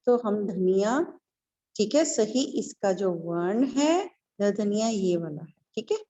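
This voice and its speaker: A woman's voice: medium pitch, lively intonation, slow, warm tone. A woman kindergarten teacher with a North Indian Hindi accent, giving an online lesson in a patient, sing-song way to small children.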